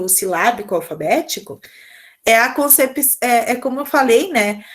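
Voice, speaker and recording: Higher-voiced Brazilian woman teaching patiently. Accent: Brazilian Portuguese. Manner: patient, explanatory, often checks in with tag questions. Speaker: teacher giving a lesson on early literacy. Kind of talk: recorded online lecture over slides.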